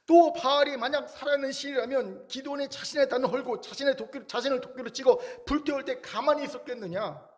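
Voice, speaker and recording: A man's voice: very high-pitched, fast talker, hardly any pauses, long reverb tail, pitched above the performer's own voice. A preacher acting out a scornful old father. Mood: defiant. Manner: scornful, threatening, sarcastic. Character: defiant, mocking older father defending his son.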